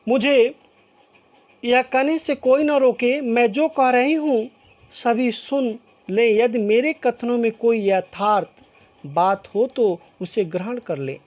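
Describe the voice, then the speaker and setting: A woman teacher explaining a poem line by line, slowly rephrasing each point several times. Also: on the high side, darkish tone. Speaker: school teacher.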